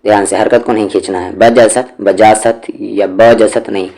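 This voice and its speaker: A man's voice: lowish voice, fairly even intonation, a little fast, a little mellow. A man teaching Quran recitation in a lesson, spelling out syllables one at a time and then drawing out the joined word.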